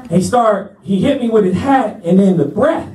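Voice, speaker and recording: A man with a very high voice tells a stand-up story in a laid-back, chatty way, often checking in with the crowd. He sounds far from the mic in a roomy club. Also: lively intonation, moderate pace, mellow. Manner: laid-back, chatty, asks the crowd "you know what I'm saying". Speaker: stand-up comedian. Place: comedy club stage.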